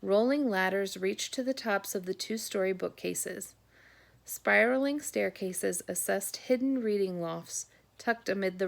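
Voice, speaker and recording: A woman narrating an audiobook chapter in a steady, descriptive reading manner. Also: mid-range voice, vocal fry.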